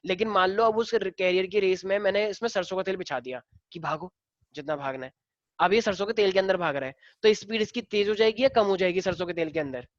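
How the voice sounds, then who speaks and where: A man's voice: high voice, quick pace, hardly any pauses, no echo, muffled recording. Male teacher quizzing his class. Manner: explains by asking the class questions; casual, familiar with students. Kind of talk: classroom lecture.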